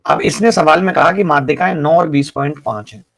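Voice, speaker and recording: A man's voice: on the high side, brisk, creaky, a bit bright. A man teaching a live online math class, explaining each step and teasing his students with jokes.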